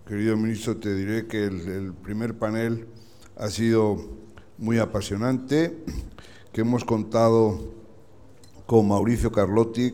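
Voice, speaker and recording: A man's voice: fairly low pitch, warm tone. A man hosting an event, making hesitant improvised remarks with fillers and restarts. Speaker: event host introducing the minister.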